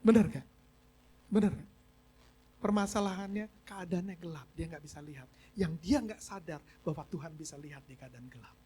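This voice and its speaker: A man's voice: on the high side, a little fast, few pauses, darkish tone, husky. A man preaching a sermon as pastor, telling a story and mixing English phrases into his talk. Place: church service.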